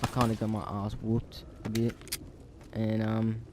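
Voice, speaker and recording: A man's voice: fairly low pitch, monotone, unhurried, background noise. A teenage Australian guy telling a story from his own life in a casual vlog, rambling along with lots of ums and restarts. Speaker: storyteller vlogger.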